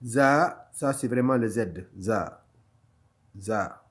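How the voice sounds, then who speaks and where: A man's voice: on the low side, drawn-out words. A man teaching a Quran reading lesson, patiently repeating each letter sound and explaining where it is made in the mouth. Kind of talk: slow online lesson.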